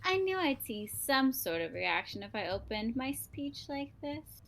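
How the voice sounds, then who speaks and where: A woman's voice: sits high, big pitch swings, a little slow, vocal fry, fairly bright tone, heavily acted. A woman playing a menacing, smug witch mother in a visual novel dub, mockingly sweet and theatrical.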